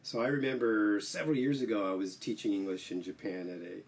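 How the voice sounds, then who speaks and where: A man hosting a casual solo livestream as an English teacher, explaining slowly with many "uh" fillers. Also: fairly low pitch, far from the mic.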